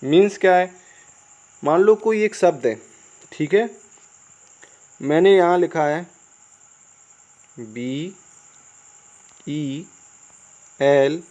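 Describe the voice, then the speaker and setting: An Indian man teaching English spelling in Hindi. He talks casually, spells words out letter by letter and keeps asking the viewers whether it is clear. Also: fairly high pitch, very slow, pauses often, a little mellow, lo-fi sound. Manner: chatty, asks the viewers "clear?" often. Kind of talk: casual Hindi classroom explanation.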